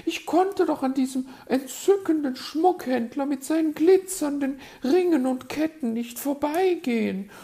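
A man voicing a vain, fussy female magpie in a children's audio story, shrill and easily offended. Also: a little slow, few pauses, warm tone. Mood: gushing, pleading. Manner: shrill, indignant, pleading.

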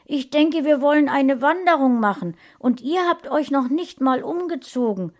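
Woman doing a high, indignant teen sister. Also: expressive, unhurried, darkish tone. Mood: indignant teasing. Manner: indignant, mocking. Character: teenage sister, indignant and teasing.

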